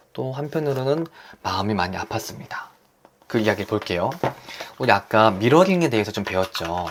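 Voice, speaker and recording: A man hosting a live lesson for married couples, talking gently and earnestly and often asking his audience questions. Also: fairly low pitch, slight background noise. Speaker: host leading a couples' reading session. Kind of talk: live online lecture to couples.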